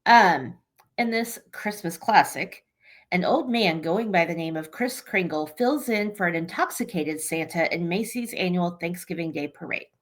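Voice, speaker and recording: A woman co-hosting a casual movie chat, joking, blunt and swearing casually. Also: on the low side. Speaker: podcast co-host.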